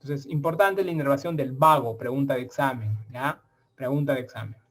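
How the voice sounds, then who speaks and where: A middle-aged man giving a lively, colloquial exam-prep surgery lecture, often checking in with his students. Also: mid-range voice, brisk. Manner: lively, colloquial, keeps asking ¿ok? and ¿ya?.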